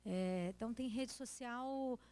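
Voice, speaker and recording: A woman's voice: fairly high pitch, measured pace, warm tone. A woman with a Brazilian accent speaking at a conference, answering audience questions in an explanatory way with examples.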